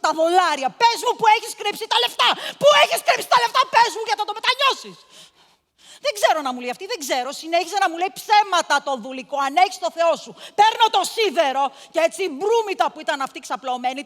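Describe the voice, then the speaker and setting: An actress playing a cruel, domineering mistress of a house, cold and contemptuous, breaking into shouts, in a stage monologue. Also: female voice, sits high, big-room sound. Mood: frenzied.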